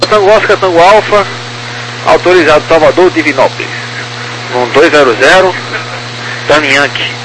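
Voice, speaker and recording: Brazilian man reading clearances over noisy radio. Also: fairly high pitch, moderate pace, long pauses. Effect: aviation radio transmission. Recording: noisy aviation radio with background hum.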